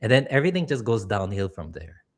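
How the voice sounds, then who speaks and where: A middle-aged Singaporean man, a public speaking coach, offers earnest advice on a live stream, laughing now and then. His voice sits on the low side, swings widely in pitch, and moves at a quick pace.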